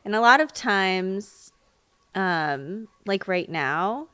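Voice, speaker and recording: A woman stylist guest chatting casually in an interview, bubbly and quick to laugh, a little choked from allergies. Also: mid-range voice, lively intonation, sharp tone, clear, resonant tone, no room sound.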